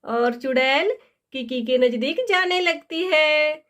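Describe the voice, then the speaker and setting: A woman's voice: high-pitched, slow, a bit bright. A woman narrating a doll story and signing off to viewers. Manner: plain narration with sign-off.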